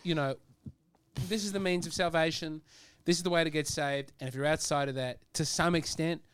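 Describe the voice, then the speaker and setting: A man co-hosting a podcast, talking in a quick, joking, conversational way. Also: fairly high pitch, fairly even intonation, a bit bright, clean tone, dry recording. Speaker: podcast co-host. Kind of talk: casual discussion.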